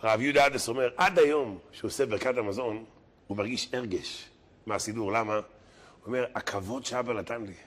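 A man's voice: medium pitch, a little hiss or hum. A man preaching as a rabbi, giving a sermon full of humorous anecdotes and acting out the people he quotes. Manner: animated storyteller who acts out quoted people.

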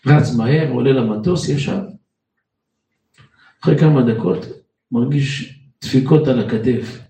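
Religious storyteller, male, animated short phrases, dark and gravelly, roomy echo. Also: medium pitch. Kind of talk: lively spoken moral tale. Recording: roomy echo, distant mic.

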